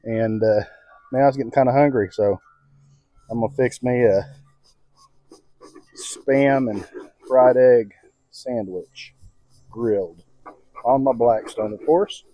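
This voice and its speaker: A home cooking video host, an American man with a dark, medium-pitched voice, takes it slowly and pauses often as he thinks aloud in a folksy, informal style. He's outdoors on his home patio with a radio playing music. The sound is lo-fi but has no echo.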